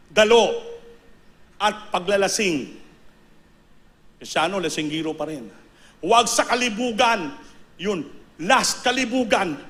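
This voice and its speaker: A male preacher delivering a sermon, emphatic and repetitive, breaking into sudden high bursts on key words. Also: bright, forceful tone.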